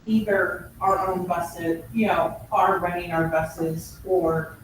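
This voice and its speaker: Slow-spoken woman at a board meeting, echoey and far off. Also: on the low side, level tone, background noise. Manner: earnest, halting, with many restarts. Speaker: school board member. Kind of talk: arguing a point at a public meeting. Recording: echoey room from a distant mic.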